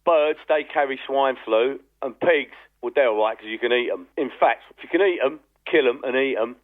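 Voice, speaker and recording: A man's voice: mid-range voice, normal speed, lightly acted. An actor playing a crude, blunt male caller to a radio phone-in show, talking over a phone line. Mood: ranting. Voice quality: blunt, coarse ranting.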